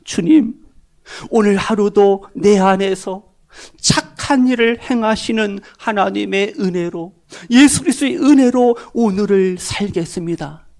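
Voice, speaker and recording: A middle-aged man preaching a sermon as pastor, animated and dropping at times to a whisper. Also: high-pitched, measured pace.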